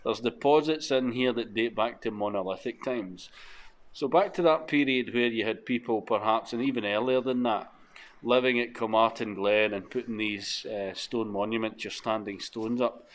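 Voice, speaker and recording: A man's voice: fairly low pitch, moderate pace. Chatty man vlogging outdoors. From Scotland. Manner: chatty, thinking aloud, wondering. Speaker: motorcycle vlogger. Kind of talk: casual vlog narration. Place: outdoors in countryside and a rock cave.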